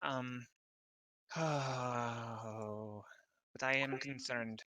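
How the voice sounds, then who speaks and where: A man playing a tabletop game, slowly describing his character's actions with playful asides. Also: mid-range voice, fairly even intonation, bright, forceful tone, dry recording. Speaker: player.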